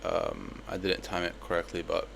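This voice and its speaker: A young man with a slight lisp walking through a trade in a casual, relaxed way, with lots of fillers. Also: low-pitched, moderate pace, vocal fry, a little hiss or hum. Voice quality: slight lisp from a palate expander. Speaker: trading educator. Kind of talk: screen-recorded trade breakdown.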